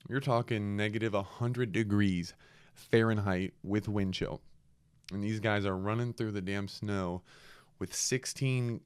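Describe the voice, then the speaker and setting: A young man with a low, smooth voice talks casually into a dry, close-sounding space. He is congested from a cold and speaks earnestly and reflectively, like a podcast host thinking out loud. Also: steady tone, measured pace, no room sound.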